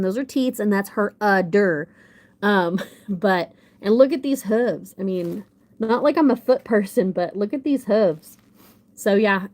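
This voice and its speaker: Gushing woman on a livestream. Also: medium pitch. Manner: gushing, excitable, rambling with many restarts. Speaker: model horse collector hosting a livestream. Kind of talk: casual livestream chat.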